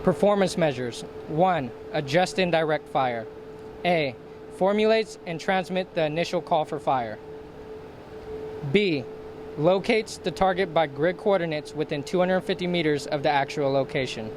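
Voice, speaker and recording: A man's voice: on the high side, moderate pace. A man giving scripted military instruction in a formal, procedural manner, enumerating each step. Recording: clear steady ambient background noise.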